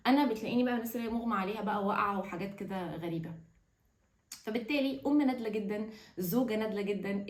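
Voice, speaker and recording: Woman, Egyptian accent, high voice, brisk animated motivational chat, roomy echo. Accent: Egyptian Arabic. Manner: animated, conversational, storytelling with quick asides. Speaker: self-development speaker. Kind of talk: casual motivational monologue.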